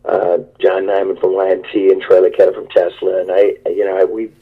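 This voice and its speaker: Guy on speakerphone, thin phone-line sound, rambling and excited, laughs at himself. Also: low voice, brisk, husky. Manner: rambling, enthusiastic, self-deprecating. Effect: heard over a speakerphone line. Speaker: guest musician. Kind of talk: phone interview chat.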